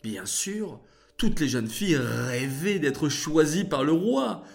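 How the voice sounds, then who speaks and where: A man telling a story to children, speaking to them directly in an expressive way. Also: a little high, slow pace, vocal fry, faint music behind.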